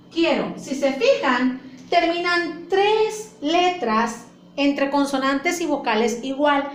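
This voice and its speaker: A woman teacher talks through a lesson at an unhurried pace, her high voice rising and falling a lot. She repeats herself and checks in with questions. The recording is echoey with faint ambience behind her. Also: a bit bright, a little hiss or hum. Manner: patient, repeats points and asks the class questions. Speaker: primary school teacher. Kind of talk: classroom lesson explanation.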